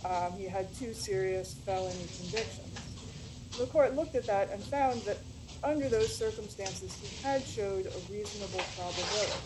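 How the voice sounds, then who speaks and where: A woman attorney delivers a formal oral argument at an ordinary pitch, pausing on ums and restarting phrases. Her voice drifts from a distant microphone. The hearing audio carries a clear layer of background noise. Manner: hesitant, frequent ums and restarts. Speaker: attorney arguing an appeal. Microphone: distant microphone, voice fading in and out. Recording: noisy courtroom hearing audio, distant mic.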